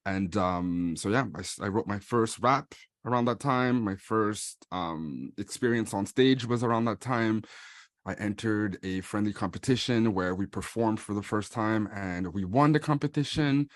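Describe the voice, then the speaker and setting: A man's voice: on the low side, measured pace, no echo. A man in his thirties with a Franco-Ontarian French accent, introducing himself and his music in a casual bilingual vlog, switching between French and English with easy fillers. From born in Paris, raised in Ottawa. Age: 30s.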